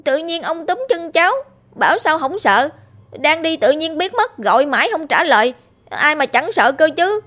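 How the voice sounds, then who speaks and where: A woman voicing a frightened young male grandson who whines and pleads in high, shrill cries. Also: expressive, fairly quick, close to an everyday voice. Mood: protesting.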